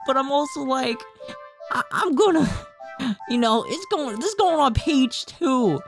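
With a very high, lively voice, an unhurried delivery, and some vocal fry, a man in his twenties plays through a game on stream, reading its text aloud and reacting casually while now and then stumbling. He's close to a desk mic at a gaming setup in a small indoor room, headset on, as game music plays.

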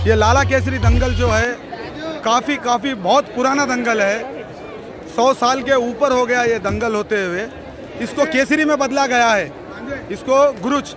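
A middle-aged man, a wrestling organizer giving a loud, pleading press statement into news mics, repeating phrases for emphasis. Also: very high voice. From Hyderabad, India. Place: outdoor stadium at night, wrestling crowd. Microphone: cluster of handheld news mics. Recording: outdoor event with loud crowd.

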